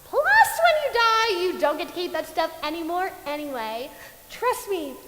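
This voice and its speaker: A woman's voice: very high-pitched, big pitch swings, fairly bright tone, full character voice. A woman playing a perky angel of Death. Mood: chatty lecturing. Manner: bubbly, quick to flare up. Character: perky female Angel of Death, bright and touchy. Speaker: stage actor. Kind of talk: stage musical dialogue. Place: theatre stage at dress rehearsal. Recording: echoey stage from a distance.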